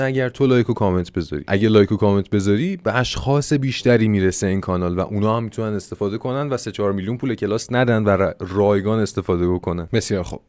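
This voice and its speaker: A Persian-speaking man teaching an online English lesson, explaining answers step by step and slowing down to pronounce English examples. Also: lowish voice, a little mellow, no echo.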